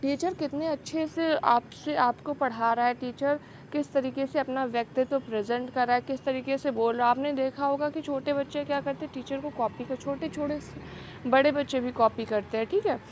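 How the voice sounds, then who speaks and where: Fairly high-voiced woman lecturing on pedagogy. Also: steady tone, normal speed, a little hiss or hum. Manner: explains in Hindi mixed with English terms, frequent "ठीक है" check-ins. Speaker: teacher exam coach.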